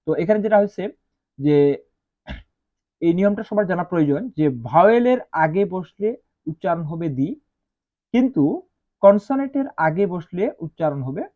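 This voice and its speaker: A man teaching English grammar as a lesson, speaking slowly and repeating each example. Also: high-pitched. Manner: slow, repetitive, spells out each example. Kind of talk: explaining grammar rules to students. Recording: dull lo-fi sound.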